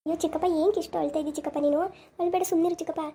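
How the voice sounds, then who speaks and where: A woman playing a gentle, patient young village woman who soothes her uncle, speaking softly. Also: extremely high pitch, steady tone, very fast. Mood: soothing. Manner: soft, soothing, pleading. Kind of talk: village family skit.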